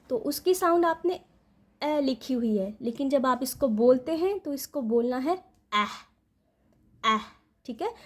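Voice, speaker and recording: A woman with a high, light voice explains alphabet sounds like a patient teacher. She stretches out each sound and repeats it. She keeps checking that the listener is following. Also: a little mellow. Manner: patient, checks in with "ठीक है?" after each point; repeats and draws out each letter sound slowly. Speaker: parent teaching phonics. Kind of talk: instructional explainer.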